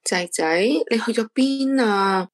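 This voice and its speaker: A woman with a Hong Kong Cantonese accent plays an anxious, doting single mother in a radio drama. Her medium-pitched voice is slow and lightly acted, pleading and emotional.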